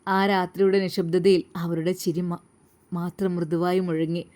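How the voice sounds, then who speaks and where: Woman narrator, gentle storytelling, mellow tone, middle pitch. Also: flat delivery, moderate pace. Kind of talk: scripted narration.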